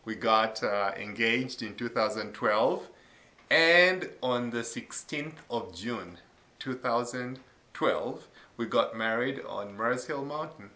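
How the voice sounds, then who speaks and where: In a faith interview, a Ugandan associate pastor in his thirties earnestly and warmly tells his story, peppering it with plenty of ums and uhs. His voice is medium-pitched and slow. The room echoes and the audio sounds dull.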